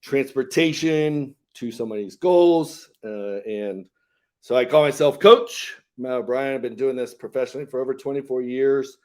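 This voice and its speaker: A man in his fifties, a health coach co-hosting a live show, talking earnestly and telling a story with frequent pauses and fillers. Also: medium pitch, darkish tone. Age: 50s. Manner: earnest, pausing often with "and, uh" fillers.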